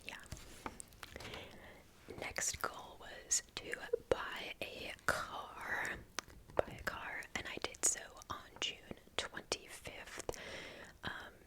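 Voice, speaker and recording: A woman in her twenties whispering a casual ASMR storytime in a quiet, hushed bedtime voice, chatty and informal. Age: 20s.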